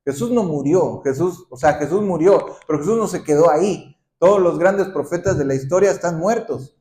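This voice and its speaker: A man pastor preaching a sermon, often asking the congregation questions and ending points with a quick "¿sí?". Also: fairly high pitch, dark tone. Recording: roomy echoing hall.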